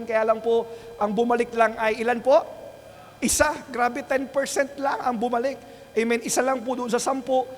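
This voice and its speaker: A Filipino-accented man preaching with a very high voice, constantly asking the congregation for an amen. His words ring out through a large church with a long reverb tail, and a faint hum sits underneath. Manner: call-and-response preaching, repeatedly asking for an amen. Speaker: pastor. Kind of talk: sermon.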